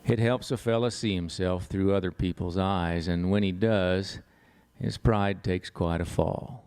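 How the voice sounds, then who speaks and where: A man reciting cowboy poetry in measured rhyme, with folksy cowboy diction. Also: sits low, steady tone, darkish tone, clear, resonant tone.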